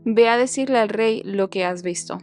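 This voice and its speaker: A woman's voice: medium pitch, normal speed, darkish tone, faint music behind, natural voice. A woman reading the lines of a stern, blunt male army commander in a matter-of-fact voice.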